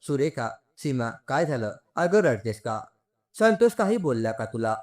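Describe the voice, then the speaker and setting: A man voicing a worried, steady sister-in-law. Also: medium pitch, measured pace. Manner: concerned, questioning, then taking charge.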